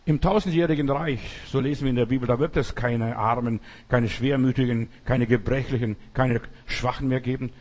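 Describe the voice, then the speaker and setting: A man's voice: medium pitch, steady tone, fairly quick, hardly any pauses, darkish tone. A man preaching an emphatic sermon and acting out the quoted voices.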